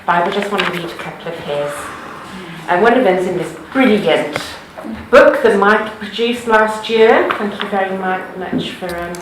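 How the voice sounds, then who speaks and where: A woman from Wales with a Cardiff accent reads poems at a live event, chatting between them. Her mid-range voice moves at a moderate pace, and the room is echoey with a noisy background.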